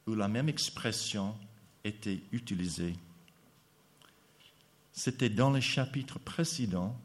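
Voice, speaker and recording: A man with an American accent preaching a sermon, speaking haltingly with pauses and fillers. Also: fairly low pitch.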